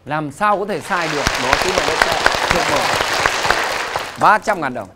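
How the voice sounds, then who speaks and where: A man hosting a game show in a lively way, announcing answers and prompting contestants. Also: on the high side, moderate pace. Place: TV studio with audience. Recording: studio show with music and crowd. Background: music and audience noise.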